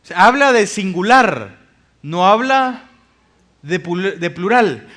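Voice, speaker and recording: Reading scripture aloud, a male pastor preaches and asks his congregation rhetorical questions. He speaks slowly in a high, animated voice with a fairly bright tone.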